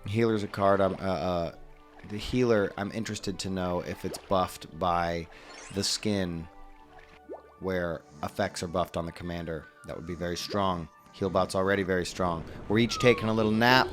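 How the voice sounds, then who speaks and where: A man commentating a mobile game tournament match play by play, upbeat and quick to exclaim at good plays. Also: sits low, fairly even intonation, faint music behind.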